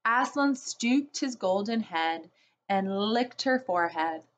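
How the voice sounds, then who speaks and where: A woman reading a children's book aloud for a church, gently and with asides to the children. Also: fairly high pitch, animated, slow pace, poor audio. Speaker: children's story reader for a church.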